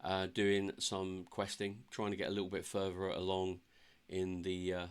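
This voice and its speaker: A man with a low voice opens his game stream in a relaxed, chatty way. He talks upbeat but sounds a bit tired, and his talk is full of ums and restarts. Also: moderate pace, clean tone. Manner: chatty and upbeat, with many fillers. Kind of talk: casual live-stream chat.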